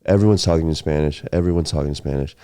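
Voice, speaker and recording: A man's voice: extremely low pitch, very fast, dark tone. A young man from Venezuela raised in South Florida, a comedian guest chatting casually, laid-back and cursing freely. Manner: laid-back, swears often, says dude a lot. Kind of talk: casual chat.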